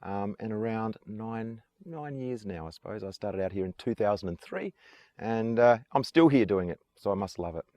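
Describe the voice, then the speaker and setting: This Australian tour guide, originally from Adelaide in South Australia, is interviewed outdoors on an island. He is casual, earnest and enthusiastic, and he keeps coming back to the same praise. His voice sits on the low side with a darkish tone and lively intonation, at a normal speed, and there's no room sound.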